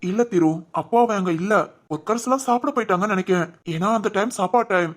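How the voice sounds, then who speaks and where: A woman's voice: mid-range voice, fast. A woman voicing the members of a homemade family drama in an emotional, conversational way.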